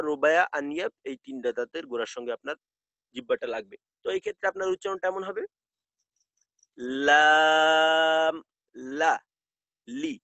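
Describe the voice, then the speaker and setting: A man's voice: a little high, fairly bright tone, no room sound. A man teaching an online class, explaining step by step and repeating key terms.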